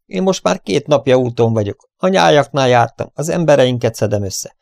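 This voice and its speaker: A man's voice: medium pitch, animated, vocal fry, darkish tone, no room sound, clean studio sound, pitched above the performer's own voice. A man voicing a jolly male ranch hand who calls out greetings and brings news in a hearty manner. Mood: cheerful.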